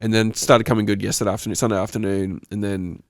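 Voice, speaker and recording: A man's voice: lowish voice, level tone, fast talker, no echo, studio quality. Man, nasal from a cold. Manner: chatty, laughs often. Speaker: podcast co-host. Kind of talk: casual chat.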